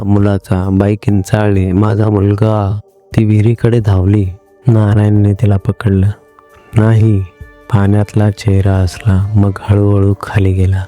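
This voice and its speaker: A man narrating a horror story in a measured, suspenseful way. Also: on the low side, dark tone.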